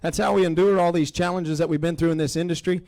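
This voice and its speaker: A man's voice: on the high side, steady tone, quick pace, a little mellow. A man, giving an earnest introductory speech as an auctioneer contestant into a stand microphone. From Oklahoma, United States. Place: indoor livestock auction arena. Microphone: stand microphone, close to mouth.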